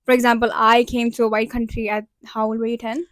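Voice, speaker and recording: Talkative young woman, a bit high, dry. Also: flat delivery, fast, a bit bright, no room sound. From Dubai. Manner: earnest and talkative, explaining at length. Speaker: podcast co-host. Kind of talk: casual podcast chat.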